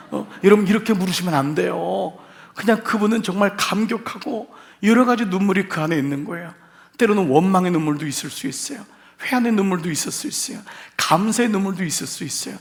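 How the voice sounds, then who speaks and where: A senior pastor preaches an Easter sermon in a church sanctuary, talking conversationally to the congregation with humor and rhetorical questions. His voice is high-pitched with vocal fry.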